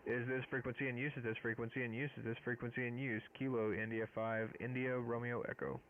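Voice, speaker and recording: A man sends out a ham radio call, repeating his call sign letter by letter in a steady, measured way. His voice sits at an ordinary pitch for a man, squeezed into a thin, tinny radio band. Steady static hiss runs under every word. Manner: repetitive, measured phonetic call-sign delivery. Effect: ham radio call over the air. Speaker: amateur radio operator.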